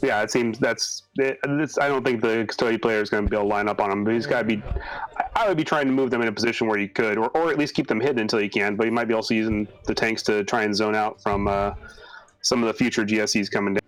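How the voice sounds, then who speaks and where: A man commenting live on a tabletop game over group voice chat, thinking aloud rapidly with restarts. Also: fairly low pitch, steady tone, poor audio. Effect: heard over group voice chat.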